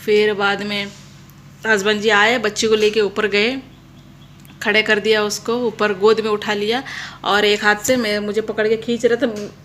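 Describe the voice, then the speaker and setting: A woman's voice: medium pitch, level tone, moderate pace, a bit bright, slight background noise. A young woman with a Rajasthani Hindi accent, vlogging at home and chatting casually to the camera. She tells a story at length with many restarts, and she has back pain.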